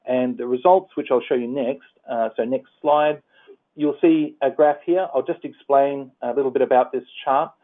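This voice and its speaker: An Australian man walks listeners through his slides on a conference call. His middle-pitched voice comes through a narrow, tinny phone line. He talks haltingly, filling pauses and restarting his sentences. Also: fairly even intonation. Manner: halting, many fillers and restarts. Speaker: presenter.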